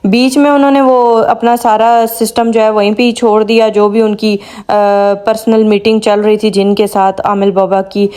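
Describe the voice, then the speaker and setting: A woman's voice: medium pitch, flat delivery, few pauses, darkish tone, clear, resonant tone. A woman vlogger giving casual commentary, talking straight to her viewers in a chatty way. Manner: chatty, addresses viewers directly.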